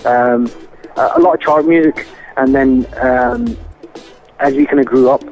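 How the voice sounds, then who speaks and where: A man's voice: mid-range voice, big pitch swings, measured pace, creaky, darkish tone, soft background music, poor audio. A man with a Scottish accent giving a casual interview as a musician guest over the phone, speaking in a hesitant, thoughtful way. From Scotland. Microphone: phone line.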